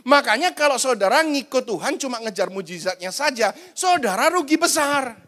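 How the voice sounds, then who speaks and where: A man with a notably high voice preaches a sermon for an online prayer service. His delivery is casual and colloquial, like chatting with the congregation. He briefly voices the people he quotes before returning to his own telling. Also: lively intonation, moderate pace, fairly bright tone. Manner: conversational, colloquial preaching with slang; acts out quoted voices in passing. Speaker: pastor.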